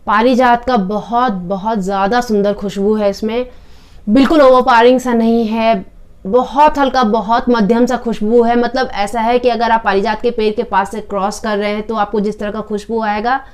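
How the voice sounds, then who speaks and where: A woman giving a casual product review with a live demo, in calm, unhurried descriptive talk with occasional fillers. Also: a little high, clean tone.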